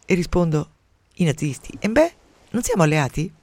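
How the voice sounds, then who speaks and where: A man's voice: a little high, sing-song, moderate pace, darkish tone, no room sound, voice pushed up. A man voicing a spiteful, boastful dying old woman who sneers and gloats, in a radio story reading. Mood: gloating.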